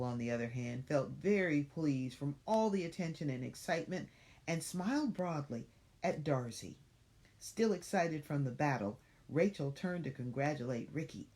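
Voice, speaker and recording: A woman's voice: extremely low pitch, warm tone. A woman reading a children's story aloud as if to a toddler, dramatic, with questioning asides to the young listener.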